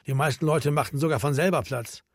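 A man's voice: fairly high pitch, a little fast, husky, no room sound. Man reading a novel aloud, dry sound. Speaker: reader. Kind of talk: scripted narration of a novel.

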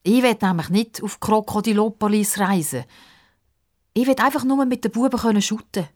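A woman's voice: medium pitch, normal speed, a little mellow, voice pushed up, lightly acted. A woman voicing an eager, impatient young girl. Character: impatient young girl who loves football.

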